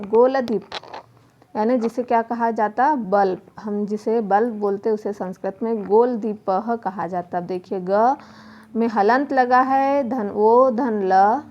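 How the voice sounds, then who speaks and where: Slow, patient woman teacher spelling words. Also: a little high. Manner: spells words letter by letter, asking and answering herself. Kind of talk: slow worksheet lesson for children. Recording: muffled home video with faint noise.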